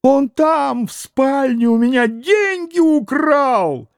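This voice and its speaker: A man voicing a frantic, shrill old father who squeals and cries out in a breathless, drawn-out way. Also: expressive, no echo, studio quality, exaggerated voice. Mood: shrieking panic. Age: older. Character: frantic shrieking old father, lecherous and fearful.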